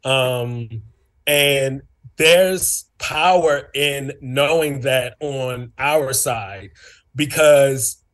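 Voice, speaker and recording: Slow-talking man musing on a livestream. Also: medium pitch, fairly bright tone. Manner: reflective, drawn-out delivery with many fillers. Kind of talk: casual discussion on a livestream show.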